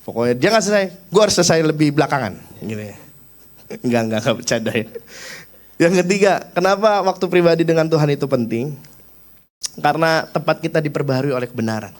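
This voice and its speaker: A man's voice: on the high side, expressive, quick pace. A young adult man with a Jakarta accent preaching a sermon, talking casually in slang and telling stories from his own life. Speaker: youth pastor. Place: church service.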